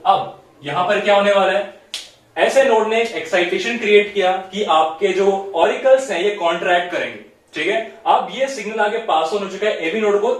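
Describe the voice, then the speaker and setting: High-voiced man teaching in an echoey room. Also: moderate pace. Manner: explanatory, repeats "theek hai" often, mixes English terms. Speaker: biology teacher. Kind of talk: whiteboard biology lesson. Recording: very echoey room, distant mic.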